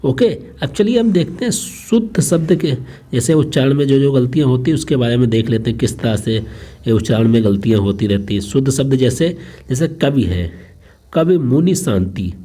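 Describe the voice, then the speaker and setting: A man's voice: mid-range voice, expressive, normal speed, dark tone. A young man teaching an online exam-prep lesson, explaining each point twice and restarting phrases.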